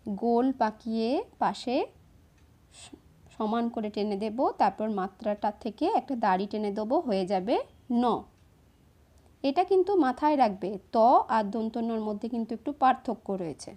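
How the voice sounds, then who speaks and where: A woman's voice: fairly high pitch, mellow. Patient woman teaching handwriting to children. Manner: slow, patient, explaining step by step.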